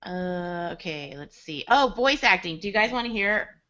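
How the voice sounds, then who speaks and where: A woman's voice: lowish voice, lively intonation, moderate pace, pushed and bright, dull audio. A woman co-hosting a casual book club podcast, blunt and opinionated, swearing casually. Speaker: podcast co-host leading the book discussion.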